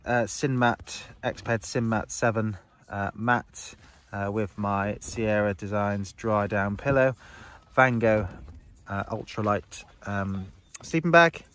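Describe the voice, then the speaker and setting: A man's voice: medium pitch, a bit bright. A man in his forties chatting to a close-held phone camera from inside a small tent on open moorland, rambling and upbeat with lots of ums. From England. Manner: rambling, filler-heavy, upbeat. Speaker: wild camping vlogger. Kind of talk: casual vlog talk to camera.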